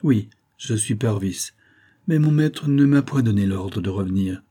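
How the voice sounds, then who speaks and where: A man reading aloud and voicing an insolent, self-assured steward who speaks in a slow, mocking way. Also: fairly low pitch, lively intonation, mellow, breathy edge. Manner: mocking, slow and sure of himself.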